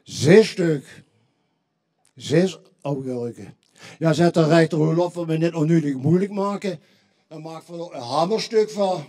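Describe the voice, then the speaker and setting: This carnival stand-up comedian, a man with a Limburgish accent, delivers a joke routine, acting out the characters and their quoted voices on the way to each punchline. His voice sits a little high with a dark tone, and he speaks at a moderate pace with fairly even intonation.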